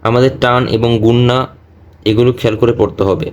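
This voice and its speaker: Man teaching Quran recitation, smooth voice. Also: mid-range voice, little pitch movement, darkish tone. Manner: explains quickly, then recites slowly and drawn out. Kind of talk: Quran pronunciation lesson.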